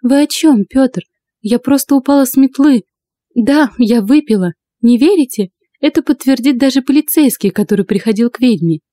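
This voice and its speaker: A woman voicing a young blonde broom racer in an audiobook, in a high, chirpy voice with feigned innocence. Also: lively intonation, moderate pace, dark tone, dry recording. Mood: innocent. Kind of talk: audiobook character voice.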